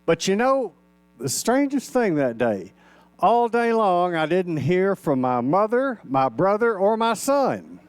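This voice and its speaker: A man's voice: high voice, very animated, takes it slowly, clean tone, dry recording. A man in his sixties preaching a sermon in a folksy, conversational way, telling personal stories and acting out the dialogue. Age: 60s. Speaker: minister. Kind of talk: storytelling sermon. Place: church sanctuary.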